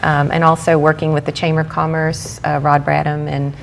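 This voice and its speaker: A woman in her forties, a program director from Mexico, answers interview questions earnestly and enthusiastically, with filler ums. Her voice is low, gravelly and fairly quick, with a flat delivery. A crowd sits behind her, and the recording has faint background noise.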